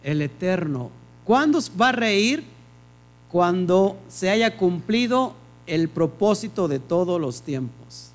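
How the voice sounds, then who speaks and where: A man's voice: high voice, big pitch swings, slow pace. A man teaches a Bible study group, firing questions at his listeners and answering them himself.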